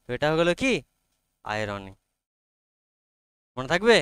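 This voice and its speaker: A male teacher giving a lecture, dictating notes slowly, spelling words out letter by letter and often asking whether students have understood. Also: mid-range voice, sing-song, smooth, dry recording, studio quality. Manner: checks understanding with frequent questions and spells words aloud letter by letter; dictates notes slowly, correcting himself as he goes. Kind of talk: classroom lecture.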